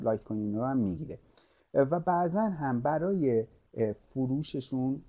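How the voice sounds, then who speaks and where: A man teaching an online course, talking through a screen-share tutorial with many pauses and restarts as he clicks through a website. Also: mid-range voice, mellow, dull audio. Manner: hesitant, many fillers and restarts, thinking aloud while clicking.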